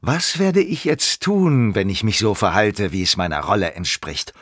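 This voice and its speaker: A man's voice: fairly low pitch, lively intonation, normal speed, fairly bright tone, dry recording, studio quality. A man voicing a sinister one-armed male ex-policeman villain who whines one moment and threatens coldly the next. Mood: whining. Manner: whining, then cold and menacing.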